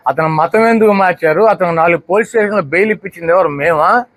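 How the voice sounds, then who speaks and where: A man speaks at a press meet in a combative tone, stacking up rhetorical questions. His voice sits high for a man and sounds close and dry, with almost no room around it. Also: quick pace, fairly bright tone, no room sound. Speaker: political spokesperson at a press meet. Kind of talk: heated political press statement.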